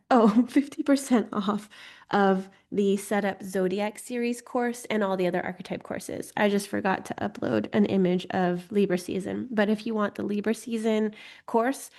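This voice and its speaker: With a darkish, mid-range voice that's slightly congested as she recovers from a cold, a woman teaches an informal online astrology class. She's playful and chatty, giggling and adding self-deprecating, lighthearted remarks.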